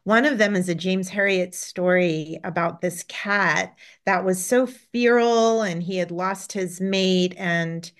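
A middle-aged woman with a fairly low voice, chatting as an interview guest. She tells animal stories with many restarts and false starts. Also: takes it slowly, hardly any pauses. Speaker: veterinarian and author, interview guest. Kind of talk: casual interview conversation.

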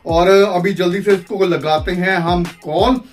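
A man's voice: high-pitched, steady tone, unhurried, faint music behind. A young Indian man hosting a phone-call vlog, brash, taunting and impatient, with an Indian accent. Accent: Indian Hindi. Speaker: wrestling channel host.

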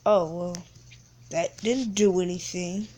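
A woman's voice: fairly low pitch, steady tone, takes it slowly, mellow. A woman streaming a shooting game, giving slangy casual commentary broken up by gasps and squeals.

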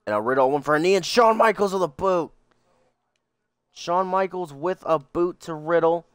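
High-voiced man doing excitable wrestling commentary. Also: normal speed, smooth, no echo, clean studio sound. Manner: excitable, dramatic calls mixed with casual asides. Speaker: video game player commentating on a wrestling match.

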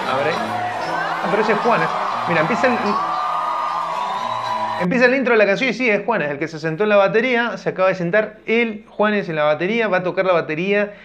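A young man, chatting casually as he reacts to a concert clip and thinking aloud with fillers and restarts. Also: high-pitched. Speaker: reaction video host. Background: music from the video.

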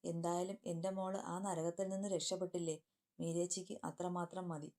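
A woman voicing a young woman who is a grieving, tender elder sister, speaking softly and affectionately. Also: lowish voice, flat delivery, moderate pace, lightly acted. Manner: soft, affectionate, sorrowful.

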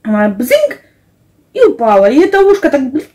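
Middle aged lady just chatting with a friend, soft mellow voice, kinda playful, makes up silly words. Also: sits high, wildly swooping pitch, moderate pace. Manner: playful storytelling with sound effects and made-up words. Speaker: vlog co-host, works as a house cleaner. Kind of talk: casual chat with a close friend. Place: small wood-panelled living room, indoors. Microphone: camera across the table.

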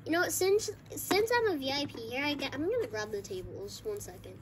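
A woman's voice: sits high, big pitch swings, fairly quick. A woman hosting a casual, improvised toy play video in a chatty, informal way. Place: indoors at home, on a carpeted floor. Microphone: handheld phone camera. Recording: very noisy handheld home recording with clicks.

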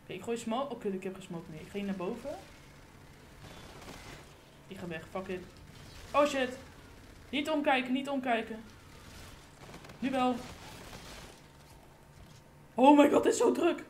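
A fairly high-voiced woman talks through a game live on a desk condenser mic, excitable and cursing freely. She bursts into sudden loud shouts, and a faint hum sits behind her. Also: moderate pace, long pauses. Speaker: gaming channel host. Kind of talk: live gameplay commentary.

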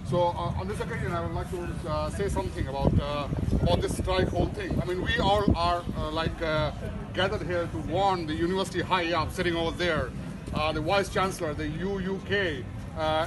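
A middle-aged man with a high voice delivers a political speech at an outdoor rally. He is emphatic and somewhat halting, hammering home repeated phrases. Noticeable urban noise surrounds him, picked up by a camera a few metres away. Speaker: union branch activist, rally speaker. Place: outdoors on steps of a large stone building. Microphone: camera or phone a few metres away. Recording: outdoor street noise, handheld camera recording.

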